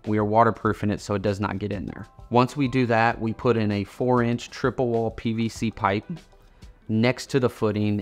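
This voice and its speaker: A man in his thirties with a Midwestern American accent, a foundation repair expert explaining things in a plain-spoken interview in an office. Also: lowish voice. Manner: plain-spoken, repeats words when restarting. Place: indoor office with whiteboard.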